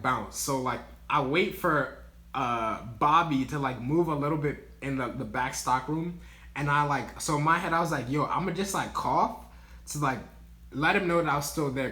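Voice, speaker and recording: A man's voice: a little high, sharp tone. A young man casually telling a funny work story, full of "like" and "yo", breaking into laughs as he goes. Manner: laid-back slangy talk, lots of "like" and "yo", laughing as he tells it. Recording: roomy echo.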